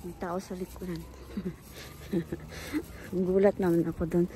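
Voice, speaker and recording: A Filipino woman walking outdoors after work, chatting casually and slowly to her phone camera through a face mask, laughing at herself. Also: lowish voice, level tone, very noisy. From Philippines. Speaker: vlogger.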